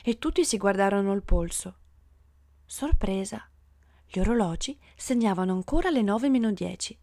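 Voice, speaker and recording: A woman reading a children's story aloud in an expressive storybook manner. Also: moderate pace, no room sound, clean studio sound. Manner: lively, voices the passengers' shouts with big jumps in pitch.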